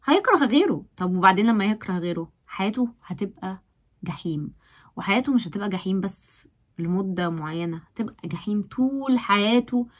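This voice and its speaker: A young Egyptian woman speaking straight to her audience in a motivational vlog. She talks very fast and punches key words with sudden loud stresses. Her delivery is forceful and animated. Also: a little high, slightly rough. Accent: Egyptian Arabic. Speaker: vlogger. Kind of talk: motivational talk to camera.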